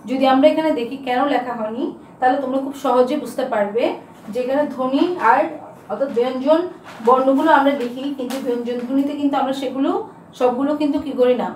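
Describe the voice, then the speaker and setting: A woman's voice: sits high, darkish tone. A woman teacher giving a grammar lesson to her students, asking them questions and answering them herself. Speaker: school teacher. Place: classroom with a board. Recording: echoey room, mic far off, faint background hiss.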